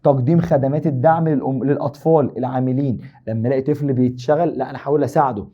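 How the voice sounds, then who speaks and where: A man's voice: medium pitch, fairly even intonation, racing, warm tone, muffled recording. A man with an Egyptian Arabic accent teaching an exam review lesson, joking and teasing his students as he explains.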